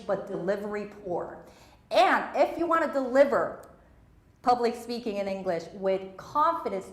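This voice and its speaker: Speaking on stage with a fairly high voice, this young woman gives a forceful motivational speech and keeps circling back to her main lines. She's a native Korean speaker from Korea who grew up in Malaysia and Singapore, and the room echoes around her.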